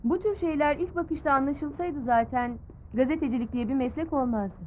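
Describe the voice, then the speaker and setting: An actress playing a thoughtful journalist explaining her work calmly. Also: high-pitched, moderate pace, slight background noise, close to an everyday voice. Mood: earnest. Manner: calm, explanatory.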